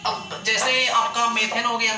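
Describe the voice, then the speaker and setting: A man's voice: very high voice, steady tone, a little slow, over music. A male chemistry teacher lecturing a class, asking questions and answering them himself and repeating each point. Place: classroom with students. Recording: echoey classroom with student chatter.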